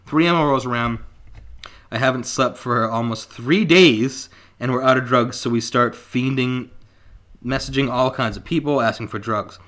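A man in his twenties reading a story aloud on a casual podcast, laid-back and quick to laugh, swearing freely. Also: mid-range voice, fairly bright tone.

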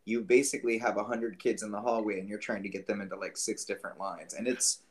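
A man who teaches school, co-hosting a casual podcast chat and telling an animated story. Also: on the low side, fast talker.

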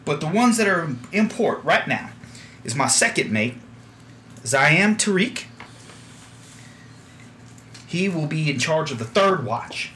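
A gruff tiefling sea captain, as a man puts him on, drawling in a Southern US accent with a bright, forward edge. He speaks in a measured, grave way. A faint hum of room noise sits behind him. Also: a little high, sing-song, pitched above the performer's own voice, exaggerated voice. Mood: steady.

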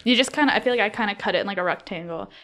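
A woman's voice: medium pitch, very fast. A young woman telling travel food stories in casual chat, full of "like" fillers. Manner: relaxed, filler-heavy storytelling with many likes.

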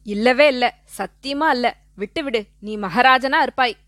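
A woman's voice: on the high side, unhurried, fairly bright tone, no echo, studio quality. A woman voicing a cowardly older man who begs for mercy between sobs. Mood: pleading. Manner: whimpering, begging.

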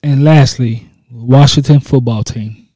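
Male podcast host, casual, tongue-tied, warm dark tone, dry close sound. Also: medium pitch, steady tone, unhurried, dry recording. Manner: tongue-tied, laughing at himself.

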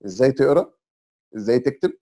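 Young Egyptian guest, Egyptian Arabic accent, gravelly and husky, explains things in a quick step-by-step chat. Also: male voice, medium pitch, lively intonation, warm tone. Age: young adult. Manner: explains step by step, sprinkles English terms. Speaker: podcast guest. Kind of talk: casual advice chat.

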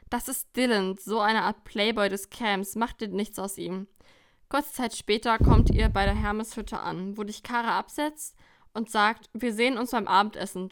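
A young woman co-hosting a casual podcast chat, reading quiz questions aloud with a wry, teasing manner. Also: medium pitch. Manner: wry, teasing, breaks into laughter. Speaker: podcast co-host.

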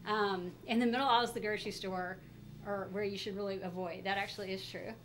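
A woman's voice: mid-range voice, steady tone, fast talker, a little hiss or hum, low-quality recording. A middle-aged woman chatting casually as a pediatrician guest in an interview, speaking through a face mask. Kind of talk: casual interview, telling career story.

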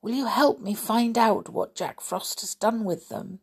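A gentle girl fairy with a soft, pleading storybook lilt, as a woman reading aloud puts her on. The voice moves slowly, with a gravelly, husky edge. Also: fairly high pitch. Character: kind gentle girl fairy, snow queen.

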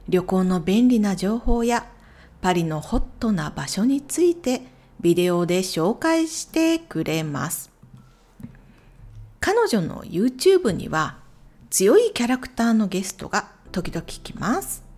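A woman hosting a solo podcast, talking clearly and unhurriedly, with soft whispered asides. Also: mid-range voice, very animated, slow pace. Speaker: podcast host. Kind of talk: scripted solo podcast recommending YouTube channels.

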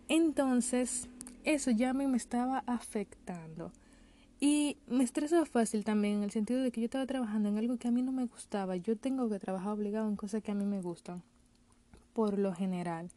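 A woman's voice: a little high, dark tone. A woman, telling a casual personal story to her vlog audience and mixing in English work words. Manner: chatty, mixes in English call-center words. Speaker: vlogger.

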